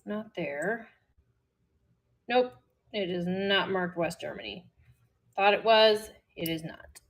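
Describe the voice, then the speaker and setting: Midwestern woman host, relaxed slow livestream seller who chats to herself. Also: mid-range voice. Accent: Midwestern American. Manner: chatty, talks to herself while listing items. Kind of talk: casual livestream selling.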